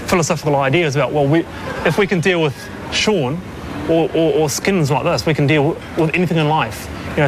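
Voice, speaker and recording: A man's voice: fairly high pitch, background noise. A man, earnestly recalling events in a documentary interview, with many restarts and "you know"s. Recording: clear background music under the voice.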